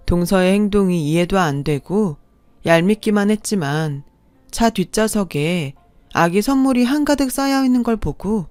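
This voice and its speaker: A woman's voice: mid-range voice, a little mellow, dry recording. Woman narrator, radio drama story, confiding, wistful, dry close voice, faint music under. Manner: wistful, confiding first-person telling.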